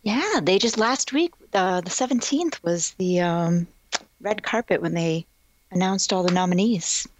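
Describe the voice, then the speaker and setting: A woman's voice: lowish voice, expressive, measured pace, noisy background. A woman guest chatting casually in brief, easygoing answers. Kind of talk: casual chat.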